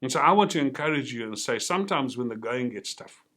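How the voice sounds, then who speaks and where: A man's voice: medium pitch, lively intonation, fast, a bit bright. A man giving an earnest, encouraging motivational talk to teachers and telling stories along the way. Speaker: motivational speaker.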